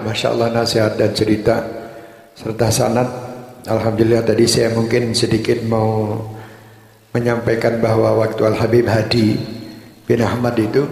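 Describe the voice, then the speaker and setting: A man giving a sermon, telling a story in a calm, unhurried way. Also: mid-range voice, creaky. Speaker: preacher. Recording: echoey hall with long reverb.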